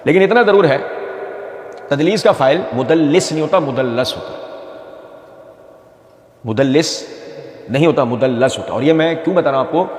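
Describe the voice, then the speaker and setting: A man's voice: a little high, expressive. A man giving argumentative religious commentary, mocking and repeating phrases for emphasis. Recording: echoey room with long reverb.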